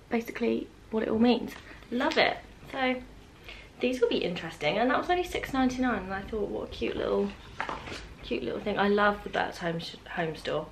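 Her mid-range voice comes with slight background noise as a twenties-aged British woman chats casually to camera, unboxing and veering into little tangents. She's a vlogger filming indoors in the open-plan living room of her home.

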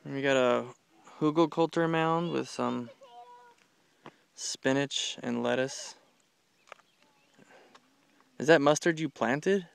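This father takes it slowly, his medium-pitched voice clear and resonant yet touched with vocal fry, and he leaves long pauses. Walking through the home garden with a handheld camera, he asks his children plant names, gently quizzing and encouraging their answers in casual chat.

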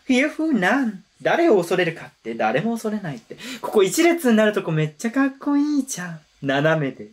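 A woman hosting a reaction video, chatting casually and explaining song lyrics in an animated, talkative way. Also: medium pitch, moderate pace, hardly any pauses. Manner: chatty, animated, switches between explanation and excited comments.

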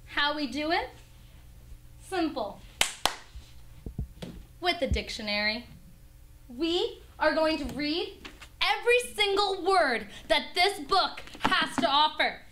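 A young woman acts out an intense, competitive schoolteacher in an amateur school comedy. She is bossy and theatrical, high and very animated, over clear classroom noise. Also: slow pace, pauses often. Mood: bossy, fired up. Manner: commanding, theatrical. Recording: noisy classroom camera sound.

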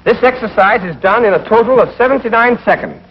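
An American man with a high, slightly rough voice and lively intonation speaks briskly as the instructor narrating a military training film, addressing trainees directly in a scripted, instructive manner. The soundtrack is dull and band-limited, typical of an old training film.

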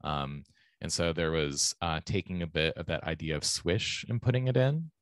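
A man, a type designer, presenting his work in a casual conference talk and explaining ideas in a relaxed way, with frequent ums and uhs. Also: sits low, normal speed, no echo, studio quality. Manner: relaxed, explanatory, many fillers.

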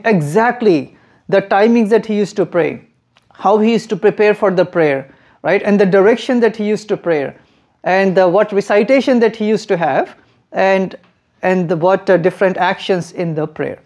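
A man's voice: high voice, darkish tone. A young man explains things to a group of visitors, friendly and patient, laughing now and then. He talks into a handheld mic in a classroom. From India. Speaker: mosque guide and educator. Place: mosque hallway, then classroom.

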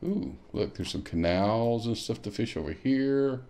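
Medium-pitched and expressive, with vocal fry and a dark tone, a man speaks a little slowly as host of a kayak fishing show. Sharing his screen, he walks viewers through a map, musing aloud with hmms as he clicks.

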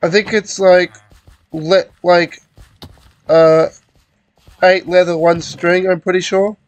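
Higher-voiced young man hosting a game session. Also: flat delivery, slow pace. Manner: rambling, unsure, self-correcting. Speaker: host of a game channel. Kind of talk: casual multiplayer game chat.

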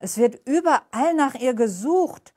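A woman's voice: medium pitch, moderate pace, warm tone, lightly acted. A woman voicing a surprised doorkeeper firing off questions in a read-aloud story. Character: surprised male doorkeeper of a care home.

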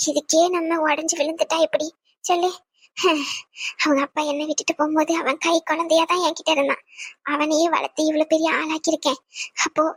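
A woman's voice: high voice, no room sound, clean studio sound. A woman voicing a stern but caring older mother in a cartoon who lectures and scolds her family. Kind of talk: cartoon voice acting.

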